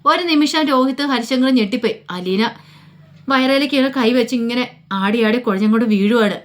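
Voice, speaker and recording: A woman narrating a dramatic story in a casual, colloquial way. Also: fairly high pitch. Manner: rapid, casual retelling.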